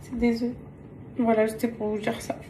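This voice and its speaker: A woman's voice: fairly high pitch, flat delivery, moderate pace, noisy background. A tired young woman in casual vlog chat, venting and exasperated, often repeating herself. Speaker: vlogger. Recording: household clatter behind.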